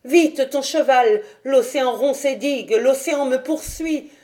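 A woman's voice: mid-range voice, a little slow, mellow, natural voice. A woman voicing a passionate, vengeful young princess who pleads and cries out in a storybook reading. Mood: desperate. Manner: pleading, raised urgent delivery.

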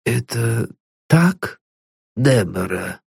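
A man's voice: medium pitch, big pitch swings, drawn-out words, creaky, slightly rough, dry recording, studio quality, pitched above the performer's own voice, full character voice. A man doing a paranoid old father. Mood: weak. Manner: ranting then weak and faltering. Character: elderly frightened rich father, paranoid and guilt-ridden. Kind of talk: audiobook reading.

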